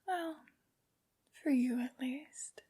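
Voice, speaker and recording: A woman voicing a haughty, menacing aristocratic vampire lady in a breathy, whispered ASMR roleplay, with slow, condescending phrasing. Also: sits high, dark tone, exaggerated voice. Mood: cruel relish. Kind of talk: soft-spoken ASMR villain roleplay.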